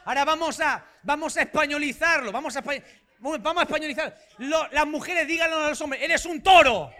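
A man from Spain preaching a sermon in a church hall, emphatic and rising to shouts on key phrases. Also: very high-pitched, brisk. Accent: Spanish from Spain. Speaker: pastor.

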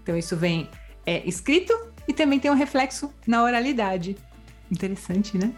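A woman's voice: mid-range voice, animated, normal speed, soft background music. A woman explaining language points in casual chat, with frequent tag questions and worked examples. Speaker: Spanish language teacher.

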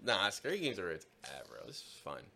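A man's voice: sits low, wildly swooping pitch, fast talker, creaky, sharp tone, slightly rough. A man bantering casually about games as a podcast co-host, with a slangy, teasing, emphatic frat-bro way of talking.

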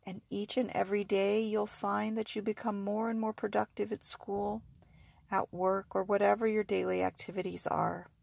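A woman's voice: mid-range voice, level tone, normal speed, vocal fry, a little mellow, dry recording. A woman narrating guided sleep hypnosis like a sleep story narrator, in a soothing, repetitive, suggestive way.

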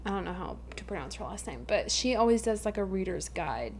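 A woman's voice: mid-range voice, very animated, a little fast, slight background noise. A young adult woman co-hosting a podcast, chatting casually and playing up her own drama. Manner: chatty, self-mockingly dramatic. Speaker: podcast co-host. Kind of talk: casual chat.

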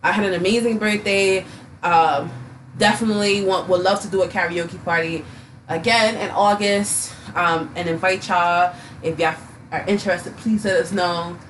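A woman's voice: fairly low pitch, fairly even intonation, moderate pace, far from the mic, slight background noise. A tired, sleepy woman co-hosting a podcast, chatting loosely with lots of fillers and some playful teasing. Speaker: podcast co-host. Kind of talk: casual chat.

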